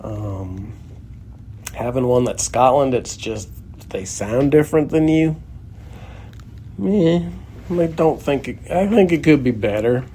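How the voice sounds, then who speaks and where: A man's voice: medium pitch, animated, slow, pauses often, dark tone, a little hiss or hum. A man, a young adult guest comedian, delivering a sarcastic, grumbling comedic rant.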